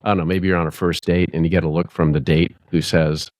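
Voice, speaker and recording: A man's voice: low voice, level tone, fast talker, a little mellow, dry recording. A man co-hosting a podcast in casual chat, with a dry, wry sense of humor. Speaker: podcast co-host.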